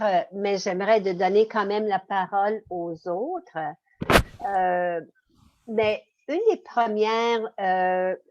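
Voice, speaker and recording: A woman's voice: medium pitch, darkish tone, dry recording. A woman asking questions informally, tentative and courteous, on muffled call-like audio.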